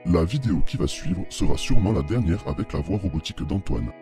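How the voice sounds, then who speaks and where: A man's voice: low voice, lively intonation, fast, gravelly. A man hosting a video channel, giving a scripted intro and appealing to viewers, his own voice run through a voice changer so it sounds half robotic. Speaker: channel host. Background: guitar music.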